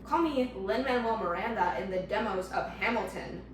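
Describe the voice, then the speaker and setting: A woman's voice: medium pitch, moderate pace, distant mic. Sick teen girl vlogging in an echoey room. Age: teens. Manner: chatty, rambling, self-deprecating. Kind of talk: casual vlog talk to camera. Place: at home. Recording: echoey room, voice from off mic, faint noise.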